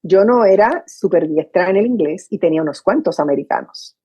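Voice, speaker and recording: This older woman from Puerto Rico, a former radio announcer, recounts her career in a storytelling interview held by video call from home. Her voice is fairly low with a breathy edge, she speaks a little fast in a Puerto Rican Spanish accent, and she animatedly performs the dialogue from her past.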